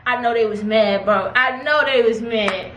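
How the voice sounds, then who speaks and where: A young American woman casually telling a personal story to friends, animated and slangy, acting out the dialogue. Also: on the high side, moderate pace, distant mic. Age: young adult. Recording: echoey room, faint background noise.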